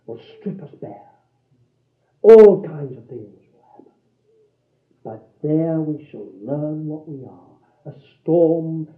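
Man preaching slow n dramatic, loud then hushed, old echoey recording from a big room. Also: phone-quality sound. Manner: dramatic, swinging from loud declarations to hushed low phrases; slow, deliberate, repeating phrases for emphasis. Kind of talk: sermon.

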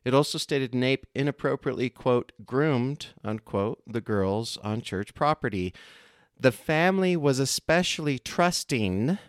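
A man's voice: mid-range voice, expressive, measured pace, no room sound, clean studio sound. A man co-hosting a podcast, chatting casually, laughing often, and reading news items aloud. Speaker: podcast co-host.

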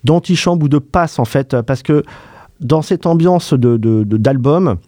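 A male radio host raves about an album in a relaxed, enthusiastic review chat, stacking superlatives, repeating words of praise, and tripping over plenty of fillers. His fairly high voice is mellow and warm, and he takes his time. The studio sound is dry and close, with no echo.

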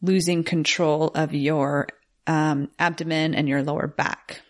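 Deep-voiced woman chatting about yoga. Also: flat delivery, unhurried. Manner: chatty, full of "like". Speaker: yoga podcast co-host. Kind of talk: casual teaching chat.

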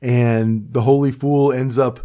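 A man hosting a podcast, talking through a film casually. He hesitates often, filling his pauses with ums and uhs. His voice is at an ordinary male pitch. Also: little pitch movement, mellow. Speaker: podcast host.

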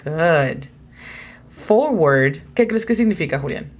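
A woman's voice: low-pitched, expressive, slow pace. A woman hosting a beginner English lesson, patiently explaining vocabulary, spelling words out and encouraging her student. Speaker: language teacher and host. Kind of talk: bilingual English lesson podcast.

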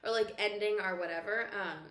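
A young woman co-hosting a casual podcast, telling stories in an animated way with lots of "like.". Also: mid-range voice, a little fast. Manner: animated storytelling, heavy "like" filler. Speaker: podcast co-host. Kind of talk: casual chat. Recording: echoey room.

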